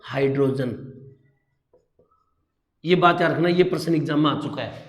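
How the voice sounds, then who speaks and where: A man's voice: fairly high pitch, fast talker, reverberant. A male teacher giving an exam-prep lecture, repeating key facts and quizzing his students. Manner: repetitive drilling, quizzing the students; addresses students as beta ji.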